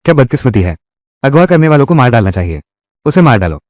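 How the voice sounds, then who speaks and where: A man narrating a dubbed drama recap, speaking every part in the same voice. His pitch sits mid-range but moves up and down. The sound is dry and close, with no echo. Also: sing-song, quick pace, a little mellow. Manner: reads every part in one voice. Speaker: dubbing narrator. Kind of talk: Hindi drama recap dubbing.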